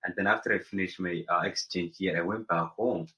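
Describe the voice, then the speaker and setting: A young man from Somaliland, a college senior, answering interview questions earnestly and often pausing to search for words. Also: low-pitched, steady tone, sharp tone, low-quality recording. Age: young adult.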